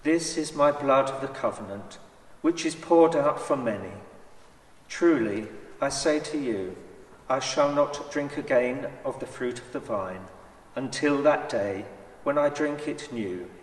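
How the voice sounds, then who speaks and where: A man's voice: mid-range voice, lively intonation, lightly acted. Distant, echoing, solemn Jesus, acted by a man. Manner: solemn, measured, declamatory. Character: Jesus, a solemn, authoritative adult male teacher. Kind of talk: dramatised church scripture reading. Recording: echoey church hall, far from mic.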